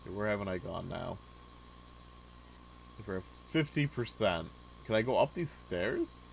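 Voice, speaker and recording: Laid-back low-voiced male gamer. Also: expressive, unhurried, creaky, a little hiss or hum, poor audio. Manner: laid-back, chatty, many filler "like"s. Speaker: gaming video host. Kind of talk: casual let's-play commentary.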